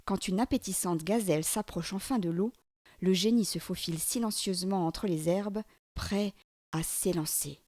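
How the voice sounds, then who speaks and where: A woman storyteller reading a children's book aloud in a clear, steady narration. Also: lowish voice, normal speed, no echo.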